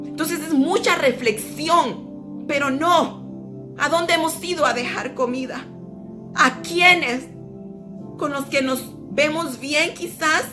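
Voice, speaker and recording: A woman hosting an earnest, emphatic devotional sermon. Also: sits high. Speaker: preacher host.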